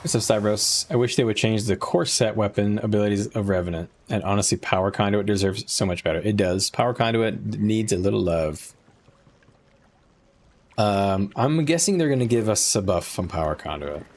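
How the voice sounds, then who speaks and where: A man's voice: fairly low pitch, moderate pace, slight background noise. A man giving casual gameplay commentary as a streamer, informal and slangy, thinking aloud as he goes. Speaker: gaming streamer.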